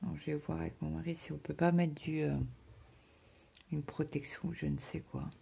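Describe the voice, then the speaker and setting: A woman's voice: deep voice, little pitch movement, normal speed, creaky, warm tone, breathy edge. A woman chatting casually to her viewers about her day, rambling, with many fillers and restarts. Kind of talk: casual personal chat to viewers.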